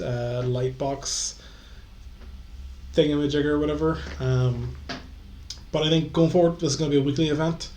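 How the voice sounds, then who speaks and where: A man's voice: mid-range voice, darkish tone. A very drunk man rambles casually as he hosts a live stream, swearing and stumbling over his words. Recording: roomy, echoey room sound.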